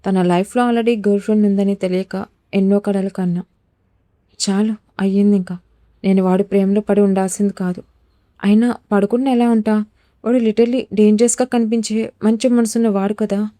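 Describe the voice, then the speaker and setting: A woman's voice: mid-range voice, steady tone, normal speed, warm tone, no echo, clean studio sound, natural voice. A woman voicing a heartbroken, defiant young wife in a storybook reading, tearful and reproachful. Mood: brooding.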